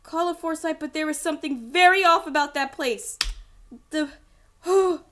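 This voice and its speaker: A woman's voice: sits high, brisk, fairly bright tone. A woman hosting a let's-play of a horror game, chatting and scolding her character aloud, sometimes dropping to a whisper. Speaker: gaming channel host.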